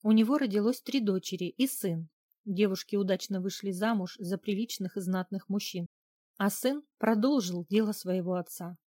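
A woman reading a husband's lines in an audiobook, relating his family's history in a measured way. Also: medium pitch, warm tone, dry recording, studio quality, natural voice. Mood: storytelling. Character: courteous Irish husband, storytelling man.

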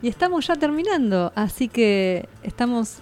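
A woman's voice: fairly high pitch, very animated, moderate pace, a little mellow, soft background music. A woman with an Argentine accent co-hosting a school radio show, introducing the next segment. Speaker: teacher co-host.

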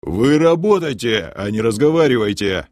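A burly city guard , played by a man reading an audiobook, barking orders and grumbling with suspicion. His voice sits a little raised and lively. The sound is dry and close. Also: mid-range voice, slow, no echo, pitched above the performer's own voice. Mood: ordering. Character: stern gruff male city guard. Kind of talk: audiobook character voice.

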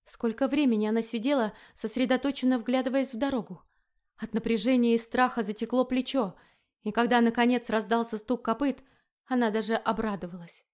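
Woman reading fantasy audiobook, slightly high voice, steady and expressive. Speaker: audiobook narrator. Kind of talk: scripted fantasy narration.

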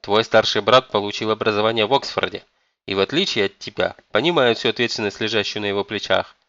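A man's voice: lowish voice, fast talker, pushed and bright, dry recording, highs cut off. A man voicing a stern, domineering elderly grandmother who scolds and commands. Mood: scolding.

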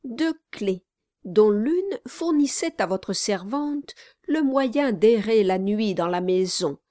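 A woman's voice: mid-range voice, animated, slow, warm tone, no room sound, studio quality. A woman voicing a formal, triumphant male notary who speaks firmly and emphatically, in an audiobook. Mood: stern. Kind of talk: audiobook reading.

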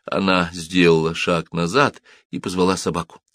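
A man narrating an audiobook in an expressive, dramatic reading style. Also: sits low, moderate pace, no echo.

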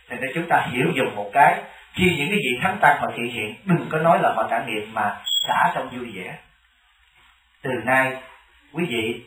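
A man's voice: medium pitch, fairly bright tone, slight background noise. A Buddhist monk delivers a sermon, telling a story and often turning to his listeners with questions. His voice rings through a roomy temple hall, picked up by a mic set well away from him. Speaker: Buddhist monk teaching a congregation. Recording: echoey hall, distant mic.

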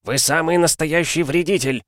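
A man voicing a furious, stocky male army commissar who yells accusations. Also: animated, normal speed, no room sound, studio quality, close to an everyday voice. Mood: raging. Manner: shrill yelling, accusing.

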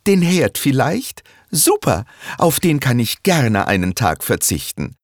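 A man voicing a relaxed mother who teases her husband with smug, mock sympathy, in a read-aloud storybook. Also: medium pitch, a little slow, no echo, studio quality, pitched above the performer's own voice. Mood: amused. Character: a mother, relaxed, teasing, quiz fan.

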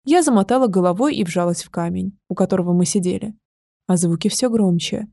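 A woman narrating a novel in the first person with steady, intimate storytelling. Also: medium pitch, a little fast, gravelly, no echo, studio quality. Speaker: audiobook narrator.

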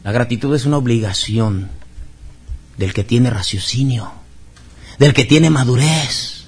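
A man with a Mexican accent preaching a sermon, swinging from loud, high outbursts to soft, low passages. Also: unhurried, husky. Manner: preaching with sudden loud rises and soft drops. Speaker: pastor.

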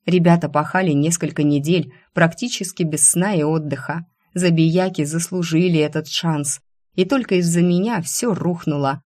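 A woman reading a first-person novel aloud in a wry, expressive way. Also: lowish voice, moderate pace. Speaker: audiobook narrator.

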